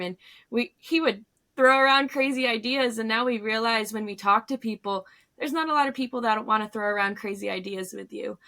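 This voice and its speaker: An American woman from Northern Pennsylvania, a co-founder of a farm business, tells stories as a guest in a casual interview. She speaks earnestly and reflectively, with a medium-pitched, sharp-toned voice.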